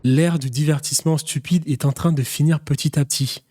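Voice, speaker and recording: A man's voice: a little high, steady tone, fairly quick, mellow, faint music behind. A man, a business consultant, giving a direct and urgent motivational talk on doing business online.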